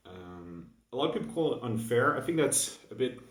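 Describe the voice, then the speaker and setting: A young Dutch-accented man, just out of bed, rambles casually and hesitantly for his gaming video, full of fillers and false starts. His mid-range voice swings widely in pitch at a normal pace. The room echoes and the mic sits at a distance.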